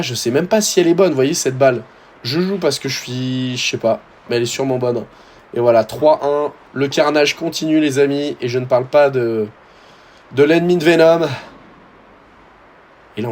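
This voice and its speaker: A young man with a French accent talks over footage of his own tennis match in a loose, slangy way. He addresses his viewers directly, swinging between excitement and frustration in an easy, chatty voice-over. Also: mid-range voice, a little fast. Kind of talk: casual voice-over commentary.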